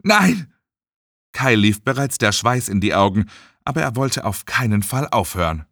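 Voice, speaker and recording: A man reading an audiobook as narrator in a dramatic, expressive way. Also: fairly low pitch, brisk, no echo, studio quality. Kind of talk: scripted narration.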